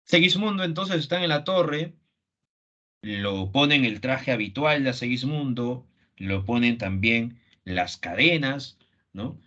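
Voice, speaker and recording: A man's voice: fairly low pitch, a bit bright. A man with a Peruvian Spanish accent, a literature teacher retelling a play for students and acting out its lines. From Peru. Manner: acts out quoted lines, tag questions. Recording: dull lo-fi recording.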